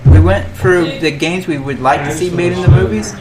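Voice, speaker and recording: Over loud crowd noise, a man with a high-sitting voice hosts a casual podcast conversation at a fairly quick pace. He's outspoken and opinionated, though he sometimes gropes for the right words.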